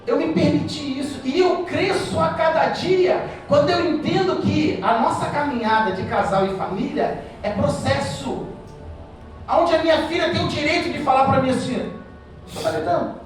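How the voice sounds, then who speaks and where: Brazilian man, high voice, pastor preaching to couples, lively back-and-forth with the crowd, far from the mic in a very echoey hall. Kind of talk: sermon to couples.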